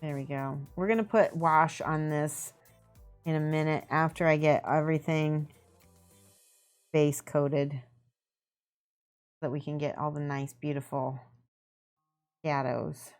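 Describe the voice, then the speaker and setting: Here a low-voiced woman speaks a little slowly, leaving long pauses over soft background music. She has a Midwestern American accent and chats easily on a live stream, describing how she paints miniatures. Her manner is relaxed as she thinks aloud and welcomes people in the chat.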